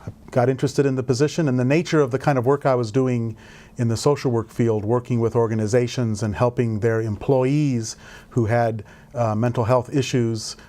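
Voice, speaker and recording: A middle-aged man who grew up in Indonesia and Indiana and now directs a volunteer program answers interview questions conversationally. He is thoughtful and rambling, using many fillers, in a mid-range, dark-toned voice that stays steady at normal speed.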